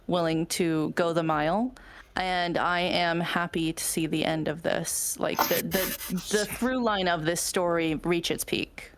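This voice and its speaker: A woman roleplay player talking through her character's goals out of character, hesitant and full of fillers and restarts. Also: fairly low pitch. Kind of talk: out-of-character planning chat.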